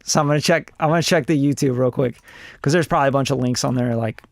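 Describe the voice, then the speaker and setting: Fast and creaky in the mid range, this voice comes through at studio quality with no echo. The speaker is a Costa Rican music producer in his forties chatting casually on a livestream as he reviews songs, rambling, blunt and swearing.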